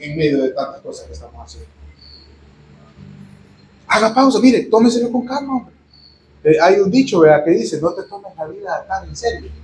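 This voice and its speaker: High-voiced pastor in an echoey room. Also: male voice, a little hiss or hum. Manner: chatty, often asks "¿verdad?" and adds humorous asides. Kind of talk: conversational sermon with Bible reading.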